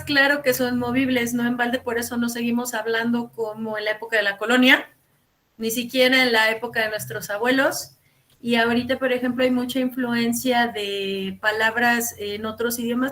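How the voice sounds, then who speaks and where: A woman's voice: a little high, fairly bright tone. A woman student answering the teacher's question in an online class, explaining her point thoughtfully.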